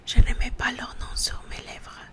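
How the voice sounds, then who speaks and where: A woman reading scripture aloud for ASMR in a hushed library whisper, halting now and then to repeat words. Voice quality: hushed library-style whisper, mostly unvoiced.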